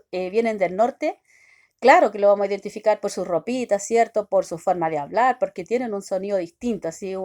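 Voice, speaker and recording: A woman giving a devotional sermon, talking haltingly with many restarts and constant questions tagged to her listeners. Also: medium pitch, dark tone. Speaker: preacher.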